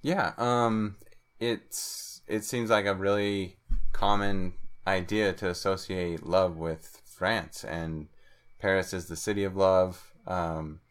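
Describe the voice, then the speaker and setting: A man with a very deep, low-pitched voice chats as a guest on a podcast. He thinks out loud, filling pauses with "um" and circling back on his own sentences. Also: steady tone, smooth. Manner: thoughtful, with frequent fillers and restarts; speaks some French. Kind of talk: casual interview chat.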